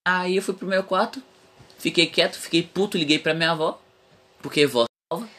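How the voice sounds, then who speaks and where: A man's voice: high-pitched, a little fast, bright, forceful tone. A young man hosting a casual podcast, talking frankly and rambling, swearing freely. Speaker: podcast host.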